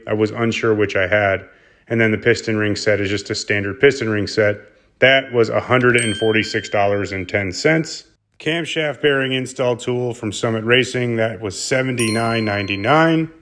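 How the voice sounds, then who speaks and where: Bright-voiced man in a casual build vlog. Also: medium pitch. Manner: plainspoken, matter-of-fact, rattles off part costs. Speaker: car builder and channel host.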